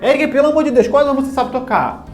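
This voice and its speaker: Um homem imitando uma ministra de louvor de igreja, apressada e exasperada, numa sala com eco. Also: male voice, fairly high pitch, lively intonation, rapid-fire, natural voice. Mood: exasperated. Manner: pushy, exasperated, then kindly. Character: hurried church worship leader woman. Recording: echoey room with faint music.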